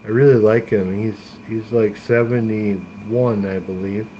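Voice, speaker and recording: A man's voice: lowish voice, fairly even intonation, a little slow, mellow, highs cut off, slight background noise. A man rambling casually to his livestream chat, full of fillers and restarts. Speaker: live streamer. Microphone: tablet streaming via phone hotspot.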